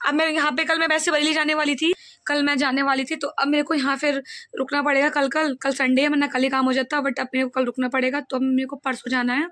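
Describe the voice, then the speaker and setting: A young woman with a high voice talks straight to her viewers in a casual home vlog. She is a college student who chats fast and loosely, running from one thought to the next. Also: little pitch movement, a bit bright. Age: young adult. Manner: fast, chatty talker. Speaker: vlogger. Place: at home indoors.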